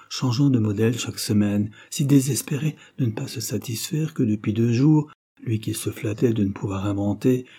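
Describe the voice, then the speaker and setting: A man narrating a classic novel in a measured, even manner. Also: on the low side, slightly rough. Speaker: audiobook narrator. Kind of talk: scripted literary narration.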